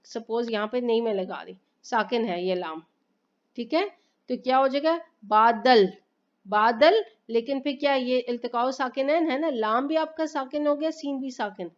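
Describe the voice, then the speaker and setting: A woman teaching Arabic grammar in a slow, explanatory lesson, asking questions and answering them herself and reciting phrases carefully. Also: sits high, highs cut off. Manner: patient, repeats points and asks herself questions.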